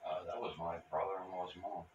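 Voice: sits low, fairly even intonation, fairly quick, dull audio. An adult chatting in a colloquial way during a paranormal session. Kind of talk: casual chat during a spirit box session. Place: dark indoor room. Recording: echoey, distant mic with background noise.

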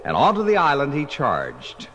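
A man narrating a children's storybook record in an animated storytelling manner. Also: mid-range voice, moderate pace. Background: orchestral music.

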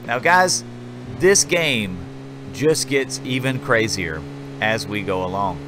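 In this casual voice-over, a gaming channel host chats his way through his own gameplay in a loose, rambling play-by-play. He speaks slowly in a mid-range voice with lively intonation, and the background is noisy.

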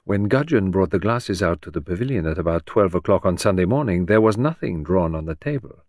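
A man's voice: low-pitched, expressive, fairly quick, a little mellow, no echo, clean studio sound. A man doing Hercule Poirot, precise detective. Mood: probing. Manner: precise, probing, coolly insistent. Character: Hercule Poirot, fastidious middle-aged Belgian male detective. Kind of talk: audiobook character voice.

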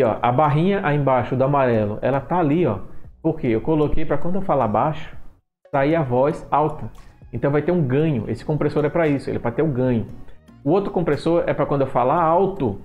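A man walking through his microphone filter settings in a screen-recorded software tutorial, often restarting phrases and repeating points as he goes. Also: fairly high pitch, dull audio. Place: home room with street noise outside. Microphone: desktop microphone at a computer.

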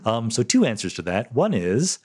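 Answering listener mail solo, a middle-aged podcast host sounds very animated, with a mid-range, darkish voice that has a breathy edge, at normal speed. He explains casually and thoughtfully, laughing lightly and often correcting himself mid-sentence.

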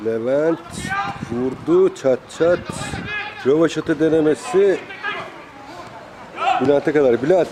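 A man's voice: on the high side, slow, long pauses. A man giving live football play-by-play in clipped phrases, calling out player names. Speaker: football commentator. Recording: crowd noise, outdoor amateur match. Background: outdoor crowd.

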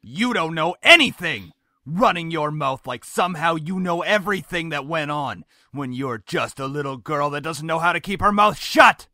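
Stern, domineering middle-aged dad; crisp, forceful, dry studio read. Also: male voice, fairly high pitch, lively intonation, normal speed, no room sound. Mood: furious. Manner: cold, commanding, explodes in anger. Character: stern controlling father, middle-aged businessman. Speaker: voice actor.

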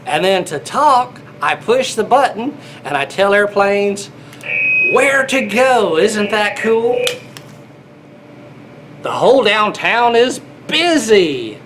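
Slowly and very animatedly, this middle-aged grandfather reads a children's picture book in a high, fairly bright voice, exclaiming playfully as though to little children. He's an air traffic controller in a small indoor airport control room, with slight background noise.

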